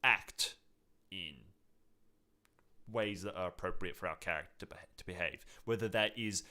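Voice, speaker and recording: Speaking at normal speed, this young adult podcast co-host has a low-sitting voice that sounds pushed and bright. His delivery stays relaxed and conversational.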